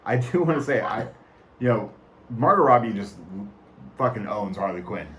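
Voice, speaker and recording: A man riffs on a film with casual enthusiasm and blunt opinions. His voice sits at an ordinary middle pitch, and his tone stays loose and conversational. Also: animated, normal speed, fairly bright tone. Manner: enthusiastic, blunt, laughs easily. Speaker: podcast co-host. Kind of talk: casual movie review chat.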